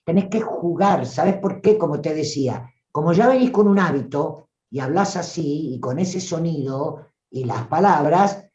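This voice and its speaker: A woman with a Rioplatense accent teaching a voice workshop, playful and animated, full of rhetorical questions. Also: lowish voice. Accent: Rioplatense Spanish. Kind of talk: lively teaching talk. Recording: roomy, dull lo-fi sound.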